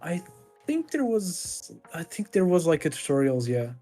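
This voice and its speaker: A man's voice: a little high, sing-song, moderate pace, mellow, faint music behind. A man co-hosting a casual podcast, speaking hesitantly with many fillers and frequent laughs. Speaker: podcast co-host. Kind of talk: casual chat.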